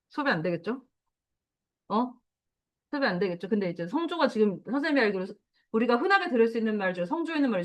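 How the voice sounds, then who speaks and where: A woman teacher giving a lively, chatty lecture to middle schoolers, talking straight to the class and drawing out key words slowly. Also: a little high. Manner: lively, chatty, addresses students directly.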